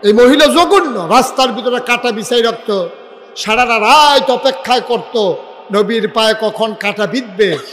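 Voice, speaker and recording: A male preacher gives a fiery storytelling sermon at an outdoor gathering, shouting for responses from the crowd and cracking jokes. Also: high voice, a little slow, long reverb tail.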